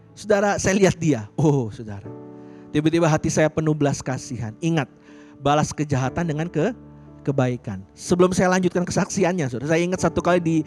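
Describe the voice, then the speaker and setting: A male pastor preaching a sermon, telling personal stories and constantly addressing his listeners directly. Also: a little high. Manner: lively storytelling, addresses listeners as "saudara" constantly. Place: church worship service streamed online.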